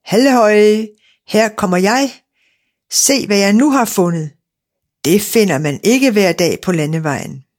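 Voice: medium pitch, natural voice. A storyteller voicing a simple, cheerful young farm lad who eagerly calls out and boasts in a storybook reading. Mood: boastful. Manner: eager, boastful, keeps calling out.

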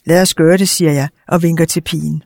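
A man reading a first-person story aloud in a quiet, understated way. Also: a little high, fairly even intonation, vocal fry, no echo, clean studio sound.

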